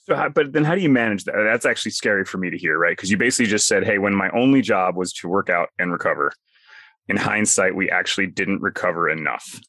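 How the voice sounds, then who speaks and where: A man's voice: low voice, quick pace, sharp tone, no room sound. A man hosting a casual podcast, talking in an upbeat, chatty way from inside a small closet he uses as a soundproof booth. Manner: upbeat, chatty, loose phrasing. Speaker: podcast host. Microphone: podcast mic, seated on the closet floor.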